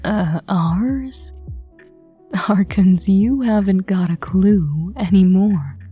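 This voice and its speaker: A woman narrating in a hushed, breathy, intimate whispered role-play, addressing the listener directly. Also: medium pitch, takes it slowly, soft background music. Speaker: audio drama reader.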